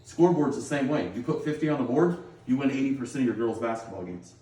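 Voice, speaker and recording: A middle-aged man coaching a team through a pregame pep talk, heard from a distance in a roomy, echoing space. His voice sits at an ordinary male pitch. He is plain-spoken and instructive, checking often that players follow. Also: quick pace, mellow. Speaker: high school girls' basketball coach. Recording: roomy echo, distant microphone.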